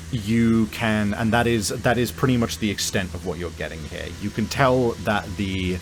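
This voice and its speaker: A rough recording captures a man with a lowish voice running a tabletop roleplaying game. He improvises as game master, regularly hunting for the right words, with music in the background.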